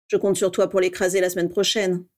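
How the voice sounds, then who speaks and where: A woman's voice: on the low side, level tone, a little fast, a little mellow, lightly acted. A woman voicing a cheeky, scornful teenage schoolboy in a read-aloud story.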